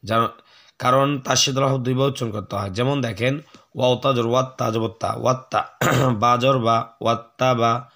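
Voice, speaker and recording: Male teacher, mid-pitched, spells letters, then stretches the recited verses slowly. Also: fairly even intonation, fairly bright tone. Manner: slow drawn-out recitation between quick explanations; clears throat often.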